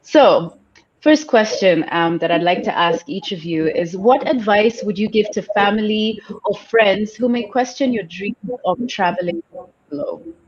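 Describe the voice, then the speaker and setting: A woman's voice: mid-range voice, lively intonation, measured pace. Woman hosting a video panel. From Kenya. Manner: welcoming, steers the panel through questions. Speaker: webinar host. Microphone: video call. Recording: dull lo-fi call audio.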